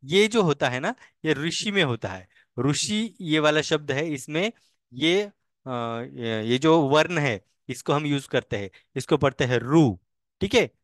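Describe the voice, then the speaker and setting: A man's voice: on the high side, animated, unhurried, no room sound, clean studio sound. A man teaching a beginner language class, patiently repeating each vowel sound and key point. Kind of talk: online language lesson.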